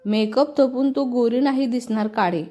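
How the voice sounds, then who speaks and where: A woman voicing a young adult brother who impatiently shouts and teases his sister with mocking nicknames, in a read-aloud storybook. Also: fairly high pitch, normal speed, soft background music, lightly acted. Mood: teasing, impatient.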